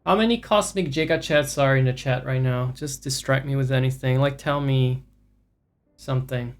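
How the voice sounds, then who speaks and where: A man livestreams a video game, offering casual commentary that's profane, sarcastic and ranting. His voice is medium in pitch and moves at a moderate pace.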